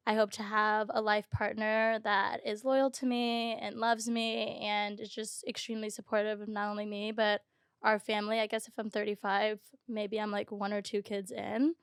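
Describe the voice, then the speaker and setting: A woman in her twenties, a podcast guest talking casually, full of "um" and "like" and quick laughs. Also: mid-range voice, smooth, dry recording, studio quality. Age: 20s. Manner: chatty, laughs often, says "um" and "like". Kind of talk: casual chat.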